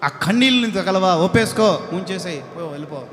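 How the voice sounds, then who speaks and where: A man preaching a sermon to a congregation, speaking emphatically, rising to shouts and calling on listeners to respond. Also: high-pitched, animated, brisk. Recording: echoey hall with long reverb.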